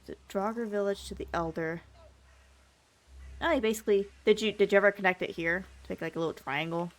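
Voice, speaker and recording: A woman's voice: mid-range voice, a little fast, slight background noise. A woman live streamer giving casual gaming commentary, chatting and thinking aloud with some mild swearing.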